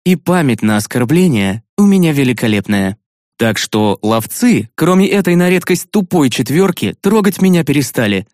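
Male audiobook narrator, dry close reading, mid pitch, sardonic first-person voice with sharp pitch leaps. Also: moderate pace, no room sound. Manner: sardonic, expressive reading with sudden pitch jumps.

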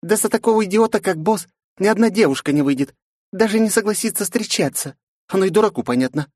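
A man's voice: high-pitched, expressive, fast, a little mellow, no room sound, pitched above the performer's own voice. Audiobook figure: a scolding, sarcastic young woman, read by a man. Dry studio sound. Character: sharp-tongued young woman sidekick, exasperated. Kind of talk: audiobook character voice.

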